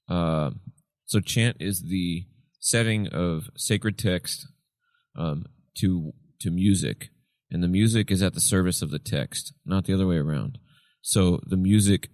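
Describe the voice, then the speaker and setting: A man with a very deep, tired voice talks through an explanation in a relaxed podcast chat. The sound is dry and close, with no room echo. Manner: explains at length, sings snippets of chant to illustrate. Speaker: podcast co-host. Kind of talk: casual chat.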